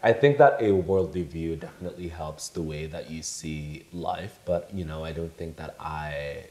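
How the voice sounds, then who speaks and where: Very deep-voiced young man, calm and humble. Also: moderate pace. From Nigeria. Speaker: guest, menswear blogger. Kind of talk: casual interview chat. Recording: echoey room.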